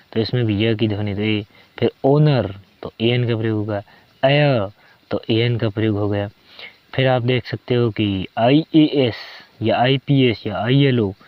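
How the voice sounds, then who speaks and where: Hindi-speaking man teaching grammar slowly. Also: fairly low pitch, no echo. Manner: slow and deliberate, drawn-out example words. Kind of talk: explaining a grammar lesson. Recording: dry, dull lo-fi sound.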